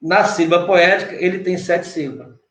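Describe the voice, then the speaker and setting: A man's voice: high voice, moderate pace. A Brazilian man, a cordel poet, teaching an online workshop patiently and step by step, often checking in with his guest. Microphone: video call. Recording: roomy echo.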